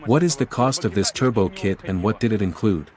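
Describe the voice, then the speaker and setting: A Ukrainian man hosts a car review walkaround outdoors, circling the cars, questioning the owner and guiding viewers he calls "guys." His voice is lowish with a darkish tone, and he talks a little fast.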